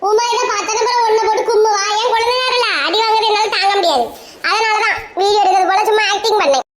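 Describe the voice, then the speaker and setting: A brash, scolding woman with a Kanyakumari Tamil accent, acting out a comic family skit in a very high, shrill voice. She talks in a lively, teasing, chiding way. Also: fast. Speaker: comedy skit creator.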